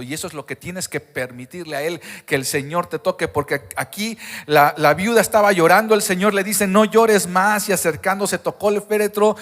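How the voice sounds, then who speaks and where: A man's voice: on the high side, a bit bright. A man preaching an Easter Sunday sermon as pastor, speaking emphatically and putting questions to the congregation at a church service. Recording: long reverb of a church hall.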